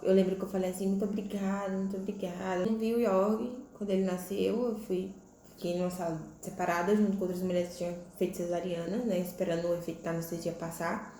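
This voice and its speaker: Young woman, personal vlog story, flat steady delivery in an echoey room. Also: lowish voice, fast, a little hiss or hum. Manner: conversational, frequent "né?" tag questions. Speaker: vlogger.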